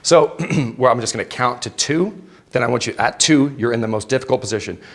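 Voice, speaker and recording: A man teaches a live exercise demonstration. His voice is average in pitch, and he speaks informally as an instructor, explaining things to the participants with him. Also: brisk, fairly bright tone. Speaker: fitness instructor. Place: indoor aerobics room with exercise bikes. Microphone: worn clip-on or headset mic.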